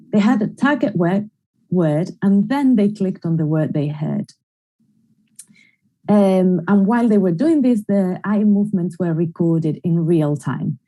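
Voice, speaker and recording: A woman's voice: medium pitch, warm tone, poor audio. A woman giving an online academic conference presentation, explaining her research methodically through a computer mic. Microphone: computer mic in an online screen-share presentation.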